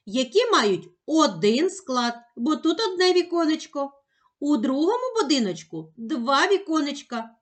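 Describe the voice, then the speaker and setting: Slow, sing-song woman teacher. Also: sits high, fairly bright tone. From Ukraine. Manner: sing-song, exaggerated emphasis on sounds and syllables. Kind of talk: slow, clearly enunciated lesson for young children.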